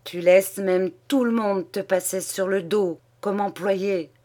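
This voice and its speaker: A woman's voice: mid-range voice, steady tone, slow pace, mellow, close to an everyday voice. Brief: woman doing a coarse young wife, contemptuous and scolding. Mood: scornful.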